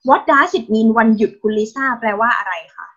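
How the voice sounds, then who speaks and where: A woman's voice: on the high side, moderate pace, fairly bright tone, muffled recording. A woman with a Thai accent teaching a language class over a video call, patient and encouraging with constant praise and polite particles. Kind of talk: online Thai lesson, mixing Thai and English.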